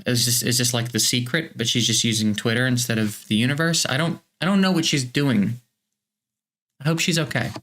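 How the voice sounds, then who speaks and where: A man's voice: medium pitch, fairly bright tone. A man hosting a comedy show, reading fake tweets aloud in a bemused way with stammering restarts.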